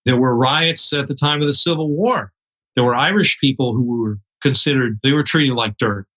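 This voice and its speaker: An American man, a charity cyclist appearing as a podcast guest from his home in New York City, tells stories earnestly in a conversational interview. He quotes other people with feeling and often restarts his sentences. His voice is medium-pitched, pushed, and bright, at a normal speed.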